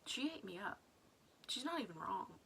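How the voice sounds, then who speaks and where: Woman vlogger, casual rambling diary chat, whispery asides, gravelly fry. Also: mid-range voice, big pitch swings, moderate pace, a bit bright, a little hiss or hum.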